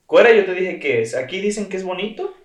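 A man's voice: high voice, lively intonation, quick pace. A man talking as a podcast guest in chatty casual conversation, often filling with repeated phrases. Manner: chatty, talkative, repeats "o sea". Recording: roomy echo.

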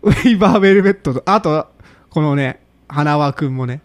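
Man, casual podcast co-host, slightly high voice, lively pitch, laughing and rambling. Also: brisk. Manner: animated, laughing, speculative rambling. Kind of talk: casual chat.

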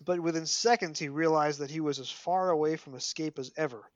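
Fairly quick and on the high side, a scratchy Brooklyn-accented man hosts a podcast chat, reading book passages aloud. The audio is dull with no room sound, and he delivers it all as an animated storyteller in a mock-dramatic style.

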